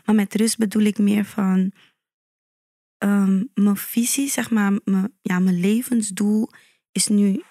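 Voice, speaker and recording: A calm woman speaking as a podcast guest, her voice even and flat with little melody. She tells her story in a measured way, often pausing on fillers. The sound is dry and close to the mic. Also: mid-range voice, no echo. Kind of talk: conversational podcast interview.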